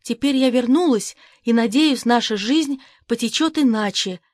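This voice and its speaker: A woman's voice: a little high, moderate pace, darkish tone, no echo, studio quality, lightly acted. A woman voicing a sugary, falsely tender young woman in an audiobook.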